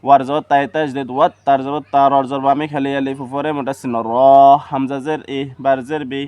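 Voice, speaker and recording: A man's voice: mid-range voice, level tone, fairly quick, darkish tone, smooth, no echo. A man teaching Quran reading, spelling out letters and syllables one by one in a rhythmic, repetitive drill with a Bangladeshi Bengali accent.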